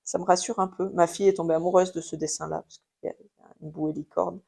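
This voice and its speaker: A woman's voice: fairly low pitch, fairly even intonation, fast, creaky, darkish tone. Chatty French woman showing craft buys. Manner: chatty, many fillers and restarts. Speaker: craft YouTuber showing purchases. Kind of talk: casual haul video chat. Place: home with a baby nearby.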